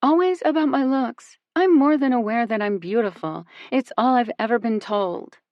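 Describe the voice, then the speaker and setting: A woman's voice: normal speed, no room sound, lo-fi sound, lightly acted. Woman voicing a tearful, insecure teenage girl. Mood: bitter. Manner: shaky, higher and louder than the narration.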